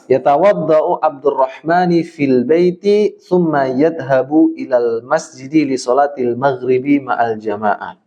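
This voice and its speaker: A man teaching Arabic to a class, drilling questions and explaining words patiently, often ending phrases with a soft "ya". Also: medium pitch. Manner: slow, patient drilling with frequent "ya". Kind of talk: classroom Arabic lesson in Indonesian. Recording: roomy, slightly dull classroom sound.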